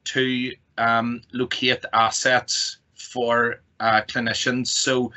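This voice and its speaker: Heard through muffled, low-fidelity call audio, a male tech executive with a Northern Irish accent presents semi-formally online as his company's guest representative. He has a medium-pitched, bright, forceful voice.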